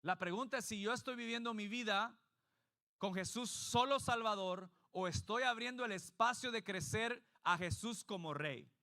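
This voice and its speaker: A man's voice: sits high, normal speed, pushed and bright. A man preaching a sermon as pastor, emphatic and putting direct questions to the congregation. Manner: emphatic, varied delivery.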